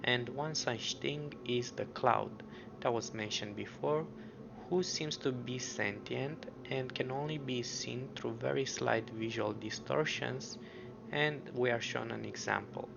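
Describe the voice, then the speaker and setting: With a mid-range voice at a measured pace, a man narrates an explanatory commentary on a horror web series, mostly scripted but with casual asides. The lo-fi recording is muffled, with clear background noise.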